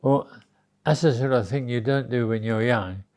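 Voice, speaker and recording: A man's voice: mid-range voice, moderate pace, a little mellow. A British man in his nineties with a very old man's voice, reminiscing conversationally and often repeating words as he searches for the next phrase. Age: 90s. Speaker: elderly interviewee reminiscing.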